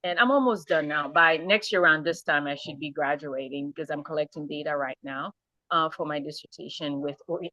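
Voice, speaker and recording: A middle-aged woman from Haiti, answering interview questions earnestly and thoughtfully, often pausing to rephrase. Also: low-pitched, fairly bright tone, no echo, highs cut off. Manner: earnest, thoughtful, with light laughs and restarts. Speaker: nonprofit founder and program director.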